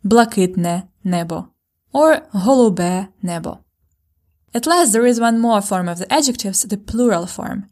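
This Ukrainian-accented woman, teaching a language lesson on a podcast, gives clear, slow model pronunciations of every example word for listeners to repeat. Her voice is animated with a darkish tone, pitched in a typical middle range for a woman.

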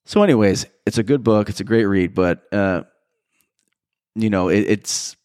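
Deep-voiced guy rambling thoughtfully on his podcast, lots of restarts, dry close sound. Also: normal speed, darkish tone, no echo. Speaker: podcast host. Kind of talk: casual reflective monologue.

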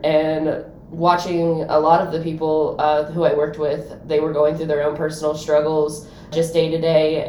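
A young woman from Ohio co-hosting a casual podcast, with dry, deadpan humor. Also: low voice. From Ohio, USA. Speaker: podcast co-host. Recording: roomy, faint background noise.

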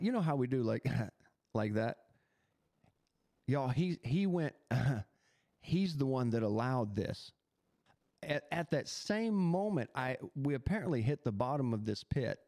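Male podcast host, mid pitch, dry close sound, animated testimony full of restarts. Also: no echo. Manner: animated storytelling with many restarts.

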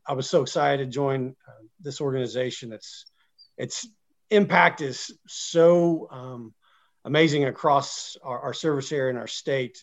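A man's voice: mid-range voice, highs cut off. A man, a guest chatting casually and rambling a little with many fillers. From Oklahoma. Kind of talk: casual interview chat.

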